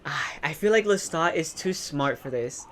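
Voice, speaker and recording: A man's voice: on the high side, expressive, normal speed. A man who is a campy, dramatic drag queen, giving casual reaction commentary as a host.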